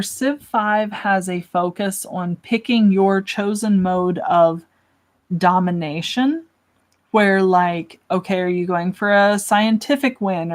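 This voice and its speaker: A young woman hosting a casual livestream, chatting and answering questions from chat in a self-deprecating way. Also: medium pitch.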